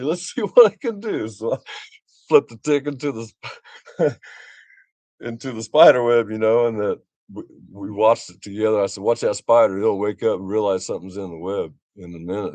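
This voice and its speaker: Older man, low voice, rambling casual chat, dry sound. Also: mellow, no echo. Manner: rambling, chuckling storyteller. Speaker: vlogger.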